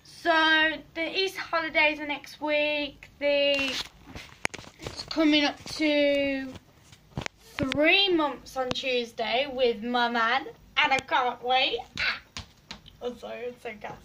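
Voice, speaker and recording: A teenage girl who is losing her voice rambles and giggles through a casual selfie vlog in her small bedroom, her phone camera at arm's length. Her voice sits high with fairly even intonation, she takes it slowly, and her volume drifts loud and soft over a noisy background.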